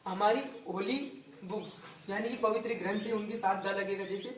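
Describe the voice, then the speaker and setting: Recorded from a distance, this Hindi grammar lesson features a young male teacher with a high voice, a moderate pace, and fairly even intonation. He repeats words, quizzes his students, and keeps correcting his own slips, all with a roomy echo and faint background noise.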